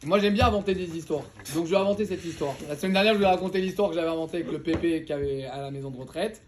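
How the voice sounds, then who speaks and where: A man teaching a casual Torah lesson, telling a parable in an animated, slangy way and joking with his listeners. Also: on the high side, rapid-fire, a little hiss or hum.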